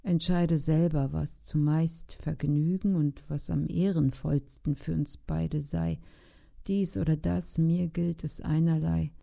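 A woman's voice: deep voice, steady tone, takes it slowly, vocal fry, warm tone, heavily acted. A woman voicing a dismayed young knight who laments and then gives in, speaking in rhyming verse. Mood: resigned.

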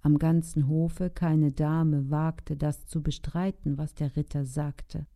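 Woman, verse storytelling, very dark tone, slow, measured rhythm. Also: low-pitched, flat delivery. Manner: measured, rhythmic rhyming delivery. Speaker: reader.

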